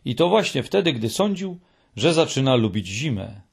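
A man narrating a children's storybook in a slow, calm, husky voice. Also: mid-range voice. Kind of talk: audiobook narration.

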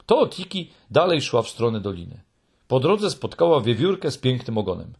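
A man narrating a children's tale in an expressive, dramatic way. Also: medium pitch, normal speed, creaky, slightly rough.

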